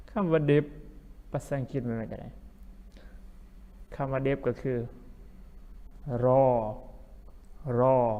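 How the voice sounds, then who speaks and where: A man's voice: medium pitch, highs cut off. A man teaching English vocabulary as a language teacher, who repeats each word several times. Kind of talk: vocabulary lesson. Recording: long hall reverb.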